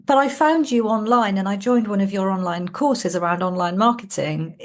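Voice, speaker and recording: A woman's voice: medium pitch, moderate pace. A woman from Wales, a sales coach, telling her story as a guest on a video call in a reflective way. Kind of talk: casual interview on a call.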